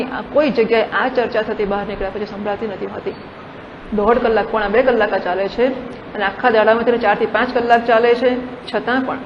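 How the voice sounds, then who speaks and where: A woman spiritual teacher giving a scripture discourse, posing rhetorical questions and mixing in English words. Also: fairly high pitch. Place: large hall at a camp. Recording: dull recording in a reverberant hall with faint noise.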